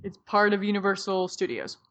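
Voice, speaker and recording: A young woman co-hosting a podcast in casual chat, giggly and excitable, with quick bursts of delight. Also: mid-range voice. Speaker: podcast co-host.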